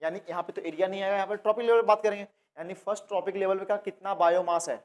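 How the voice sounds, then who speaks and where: A man's voice: high-pitched, fairly even intonation, fast. A man from India teaching a coaching-class biology lesson, repeating key terms and asking the class questions that he then answers himself. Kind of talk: classroom lecture.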